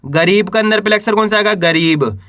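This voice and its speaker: Patient high-voiced man teaching reading. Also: fairly quick, a bit bright, no echo, studio quality. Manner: patient, sounds out syllables then asks and answers himself. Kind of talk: slow spelling lesson for beginners.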